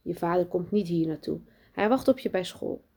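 A kindly, gentle old grandfather in a children's storybook, voiced by a woman narrator. He coaxes softly and warmly. A slight gravel sits under the voice. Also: lowish voice, lively intonation, normal speed. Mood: coaxing. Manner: coaxing, kindly.

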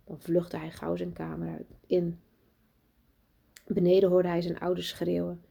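A woman reading a children's story aloud in a clear, even storytelling manner. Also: lowish voice, a little slow. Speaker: audiobook narrator.

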